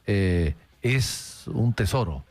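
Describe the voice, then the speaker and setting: A Peruvian radio host with a low, darkish voice and lively intonation speaks very slowly during a political interview. He tells conversational anecdotes peppered with frequent "eh" fillers.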